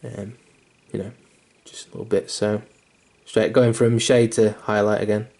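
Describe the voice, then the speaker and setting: A man's voice: lowish voice, little pitch movement, normal speed, creaky, a little mellow. A young man giving a casual miniature painting tutorial, rambling a little, with fillers, restarts and the odd swear word. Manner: mildly self-deprecating and sweary. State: hiccuping.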